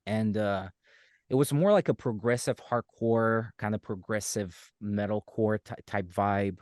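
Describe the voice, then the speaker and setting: Speaking unhurriedly in a lowish voice, a Romanian musician guesting on a podcast spins casual, animated stories and voices the quotes himself. The audio is dry and studio quality.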